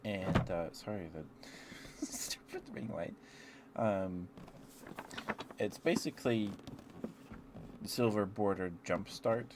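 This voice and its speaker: On an ASMR livestream, a very low-voiced man talks to his viewers in a rambling, casual way, slow and very animated with long pauses. He wanders off topic, hesitates and frequently sounds apologetic, while clear noise sits in the background.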